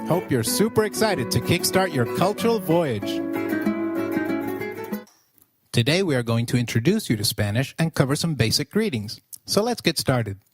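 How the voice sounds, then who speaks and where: A man narrating a scripted beginner language lesson in an upbeat teaching manner, slowing down to model words. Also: a little high, very animated, faint music behind.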